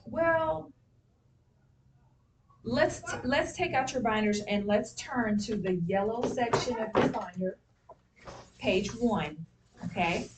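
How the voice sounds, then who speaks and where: A woman with a fairly high voice teaches a class spelling, speaking slowly and pausing often. She keeps prompting with questions and fills gaps with "okay" and "all right." The mic is well away from her, and a faint hiss runs under the recording.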